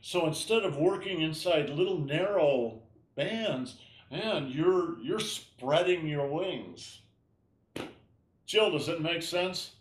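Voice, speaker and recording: A man teaching an online tai chi class, explaining gently and often checking in with "all right?". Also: a little high, lively intonation, slow. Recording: roomy echo.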